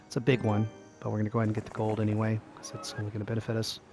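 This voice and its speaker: A man calmly explaining a strategy game step by step as a tutorial host, drifting into rambling asides. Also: fairly low pitch, rapid-fire, soft background music. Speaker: gaming YouTuber, tutorial host. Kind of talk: casual gameplay tutorial commentary.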